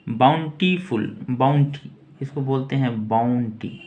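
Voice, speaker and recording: A man teaching English pronunciation, spelling each word letter by letter and repeating it slowly. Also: mid-range voice, a little mellow, lo-fi sound. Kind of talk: slow pronunciation lesson.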